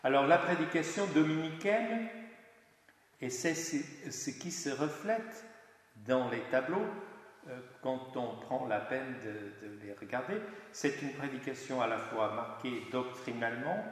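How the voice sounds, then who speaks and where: A man from Portugal, lecturing on religious history in a thoughtful way, pausing often to find his words. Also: medium pitch, expressive. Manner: thoughtful, explanatory, frequent hesitations. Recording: very echoey hall with long reverb.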